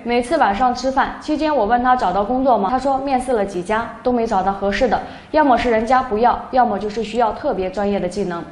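A young woman narrating a first-person story in a plain, steady way. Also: on the high side. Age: young adult. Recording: echoey room, faint background noise.

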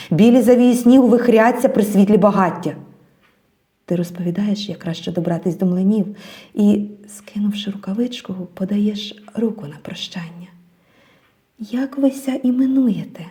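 A woman reading a literary story in a quiet, hushed way, trailing off into a whisper at phrase ends. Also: medium pitch. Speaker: reader.

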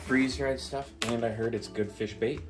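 A man making short, low-key remarks while cooking in a home kitchen. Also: steady tone, moderate pace. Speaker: co-host cooking.

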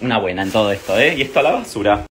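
Speaking very fast in a lowish, fairly bright voice with lively intonation and reverberation, an Argentine man in his thirties vlogs to his followers. He is casual but dramatic and exclamatory, repeating himself often, mostly from his kitchen at home. He films on a handheld phone held at varying short distances, and the recording is noisy.

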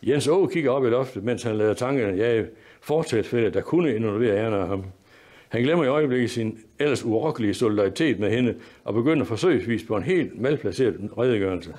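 A man's voice: mid-range voice, lively intonation, a little mellow. A man reading a humorous story aloud at a lecture, narrating in a dry, wry way.

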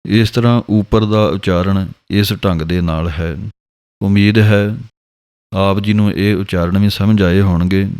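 A man with a Punjabi accent, teaching scripture pronunciation in a slow, patient way and spelling out each syllable. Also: low voice, fairly even intonation, a little mellow, smooth. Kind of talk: slow, careful pronunciation lesson.

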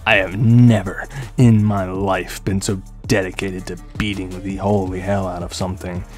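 A man's voice: low-pitched, flat delivery, normal speed, faint music behind. A young man giving gameplay commentary as he plays, trash-talking the boss and swearing often. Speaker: gaming video creator.

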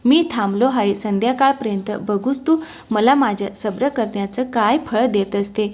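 A woman's voice: mid-range voice, moderate pace, a little mellow, lightly acted. A woman voicing a playful, affectionate young husband who teases his wife, in a storybook reading. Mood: teasing. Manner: teasing, affectionate.

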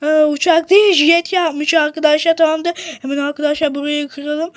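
A woman's voice: high-pitched, steady tone, normal speed. A woman giving chatty Minecraft let's-play commentary, constantly addressing her viewers. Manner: chatty, keeps saying 'friends' to viewers. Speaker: gaming YouTuber.

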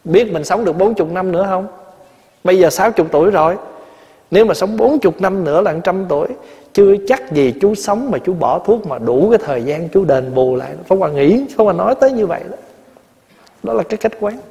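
Male monk in his 40s, Southern Vietnamese accent; lively, laughing storyteller with a slightly high voice, recorded in a long-reverb hall. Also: brisk. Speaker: Buddhist monk and abbot. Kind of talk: dharma talk.

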